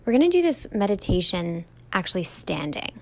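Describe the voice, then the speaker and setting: A young woman, a yoga teacher, leading a standing guided meditation in a slow, gentle, soothing way, drawing words out softly. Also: mid-range voice, very animated.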